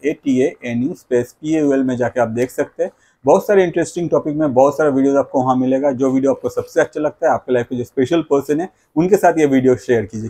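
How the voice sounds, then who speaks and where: His voice sits on the high side with a darkish tone. In a small, plain indoor room, the man, a video creator and host, explains news to camera on a lapel mic, using repeated catchphrases and weaving in English phrases.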